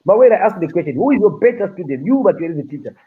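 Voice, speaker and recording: Man from Zimbabwe, high and quick, joking and bragging, captured on a thin phone recording. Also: sing-song. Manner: boisterous, joking and boastful. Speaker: patient filming himself. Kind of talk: casual chat. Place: hospital room. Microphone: phone camera. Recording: tinny phone-like audio.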